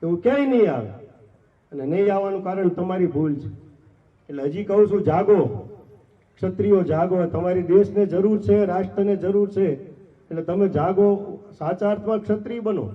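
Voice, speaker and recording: A man delivers a fiery sermon, his voice pitched high as he fires rhetorical questions at the crowd and mimics the people he quotes. The recording is distant and tinny, thin like a phone line. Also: brisk. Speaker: ashram trustee giving a festival speech. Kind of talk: impassioned public sermon.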